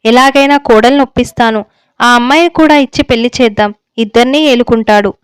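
Worried older mom begging her husband, read by a woman, high clear voice. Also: brisk, no echo, close to an everyday voice. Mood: pleading. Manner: pleading, tearful. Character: anxious pleading older mother and wife. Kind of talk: story reading.

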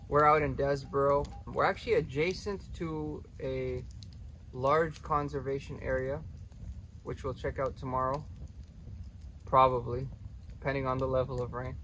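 A man's voice: mid-range voice, slight background noise, low-quality recording. Young man vlogging at a campsite. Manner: relaxed, chatty, with frequent ums. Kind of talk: casual camping vlog. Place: outdoor campsite in the woods.

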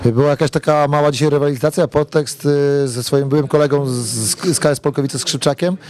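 A man's voice: on the high side, steady tone, fairly quick, darkish tone. A man asking a footballer post-match questions, stumbling over words with fillers. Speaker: sports reporter.

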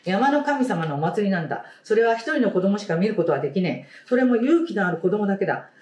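A woman reading the part of a kind old rustic grandfather from a storybook, with a gentle country way of talking. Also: mid-range voice, expressive, quick pace, pitched above the performer's own voice, natural voice. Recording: roomy sound, distant mic.

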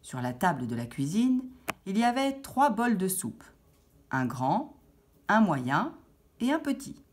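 A woman reading a children's fairy tale aloud with expressive storytelling. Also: mid-range voice, measured pace.

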